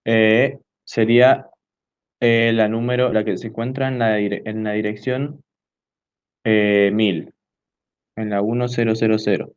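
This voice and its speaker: A young man giving a hesitant student class presentation, filling pauses with "eh" while pointing things out on a diagram. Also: lowish voice, little pitch movement, smooth. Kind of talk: class presentation explaining computer hardware. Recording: dull lo-fi recording.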